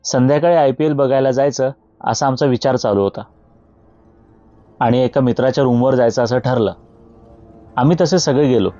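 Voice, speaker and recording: Mellow-voiced man narrating a horror story. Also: mid-range voice. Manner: steady, measured storytelling. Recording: slightly dull, faint music behind.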